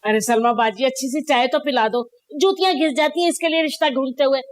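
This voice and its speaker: An actress playing a chatty middle-aged aunt who brings marriage proposals. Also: female voice, high-pitched, fast, close to an everyday voice. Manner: gushing, talkative. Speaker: matchmaker aunt. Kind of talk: TV drama acting.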